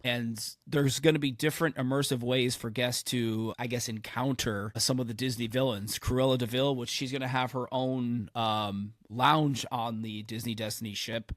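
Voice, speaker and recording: A man's voice: mid-range voice, fairly bright tone, dry recording, clean studio sound. Casual male podcast host with a head cold. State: getting over a head cold.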